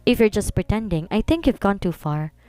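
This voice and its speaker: A cold, suspicious young man, curt and sarcastic, as a woman narrator puts him on. The voice stays smooth and clear, close and dry. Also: medium pitch, animated, normal speed, mellow, dry recording, natural voice.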